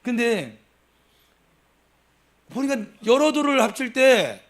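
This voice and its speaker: A middle-aged man from Gimcheon, preaching a sermon at a Wednesday prayer service, swinging between loud emphasis and soft asides as he talks with the congregation. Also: very high-pitched, big pitch swings, slow pace. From Gimcheon, Gyeongsang province. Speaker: pastor.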